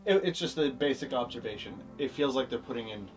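A young man co-hosts a relaxed tour of a small boat, playful and quick to tease. He sounds slightly removed from the camera mic in a wooden cabin. Faint music runs behind him. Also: medium pitch, far from the mic. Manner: upbeat, teasing, laughs often. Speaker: boat-owning video host. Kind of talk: casual chat, boat tour.

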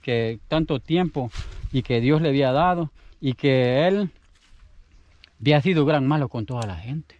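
A man's voice: mid-range voice, animated, measured pace, darkish tone, no echo, highs cut off. A Salvadoran man telling a story in casual, rambling speech, often repeating himself. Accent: Salvadoran Spanish. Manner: chatty, rambling, repeats his words. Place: outdoors in the countryside.

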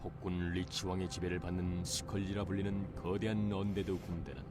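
A man voicing a deep, grave game narrator. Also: little pitch movement, a little fast, music in the background, close to an everyday voice. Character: grave male narrator of an undead war. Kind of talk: solemn scripted game narration.

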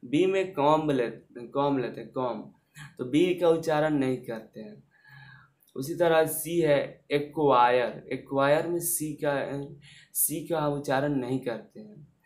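A man with an Indian accent delivers a recorded class lecture at an unhurried, deliberate pace. His pitch sits in the middle range for a man. He repeats each point and poses questions to his listeners before answering them himself. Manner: slow, repetitive, quizzes listeners with questions. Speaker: teacher.

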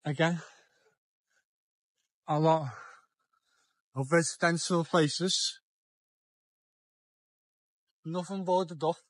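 A tipsy young man narrates a walking vlog from his handheld phone, rambling and repeating himself as he goes. His voice sits a touch high for a man. The sound is dry and close, with almost no room echo around it. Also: fairly even intonation, drawn-out words, long pauses, a bit bright. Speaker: vlogger. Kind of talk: casual walking vlog commentary. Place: outdoors on town streets at dusk.

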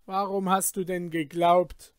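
Guy reading as a stern caliph, slow and bossy, no echo at all. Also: sits high, little pitch movement, clear, resonant tone, clean studio sound. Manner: measured and authoritative. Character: stern commanding male caliph.

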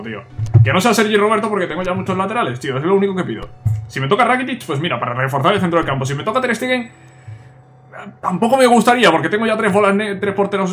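A young man, excitably commentating his own gameplay and talking to viewers. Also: fairly high pitch. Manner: excitable, talks to viewers, frequent "tío". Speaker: gaming youtuber.

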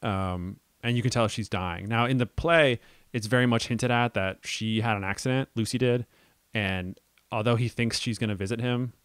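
A man's voice: medium pitch, normal speed, fairly bright tone, smooth, no room sound, studio quality. A young man co-hosting a casual podcast about a film adaptation, thinking aloud with many ums and restarts. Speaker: podcast co-host.

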